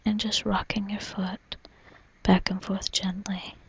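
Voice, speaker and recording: A woman doing a whispered role-play as a spa massage therapist, in a soft, soothing, breathy whisper, narrating gently. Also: medium pitch, flat delivery, slow, muffled recording. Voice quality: breathy, mostly unvoiced whisper. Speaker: reflexologist giving a foot massage.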